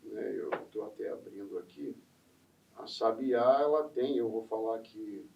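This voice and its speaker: Rambling Brazilian podcast host, dull distant sound. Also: male voice, on the low side, a little slow, gravelly. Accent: Brazilian Portuguese, Rio de Janeiro state. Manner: rambling, hesitant, many fillers. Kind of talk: casual podcast interview.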